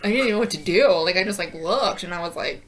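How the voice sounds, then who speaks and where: A woman's voice: on the low side, expressive, fast. A young woman co-hosting a casual chat podcast, telling a story in a rambling way with lots of "like". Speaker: podcast co-host.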